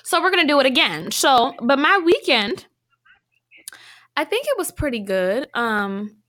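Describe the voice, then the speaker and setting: A young woman co-hosting a podcast in casual chat, animated and slangy, laughing often. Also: sits high, a little slow. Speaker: podcast co-host. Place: home, Minneapolis.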